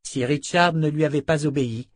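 A man voicing a resolute young woman inquisitor in an audiobook, speaking in a steady, measured way. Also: on the high side, dry recording, studio quality, voice pushed up, lightly acted. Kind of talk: audiobook character voice.

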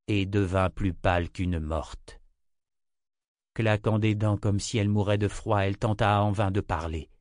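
A man narrating a fantasy novel as a scripted audiobook reading with steady delivery. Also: fairly low pitch, dry recording, clean studio sound.

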